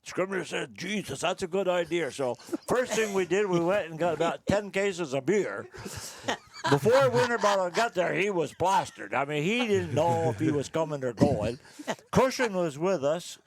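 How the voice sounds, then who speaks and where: A man's voice: fairly high pitch, sing-song, normal speed. An older man spinning rowdy, profane yarns about old friends in casual conversation. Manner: rowdy, profane yarn-spinner who laughs at his own tales. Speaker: guest recalling old times. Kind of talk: casual storytelling.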